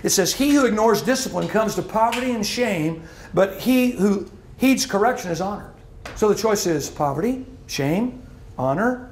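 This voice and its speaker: Middle-aged preacher guy, high voice, punchy, repeats himself, echoey hall w faint hum. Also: expressive, moderate pace. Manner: emphatic, repeats key lines. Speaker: pastor. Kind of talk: sermon. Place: church hall.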